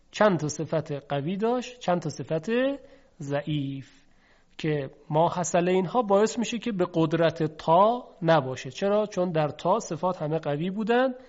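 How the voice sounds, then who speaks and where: A male teacher giving a recitation lesson, patiently explaining and sounding out letters to demonstrate. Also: a little high. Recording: dull lo-fi recording.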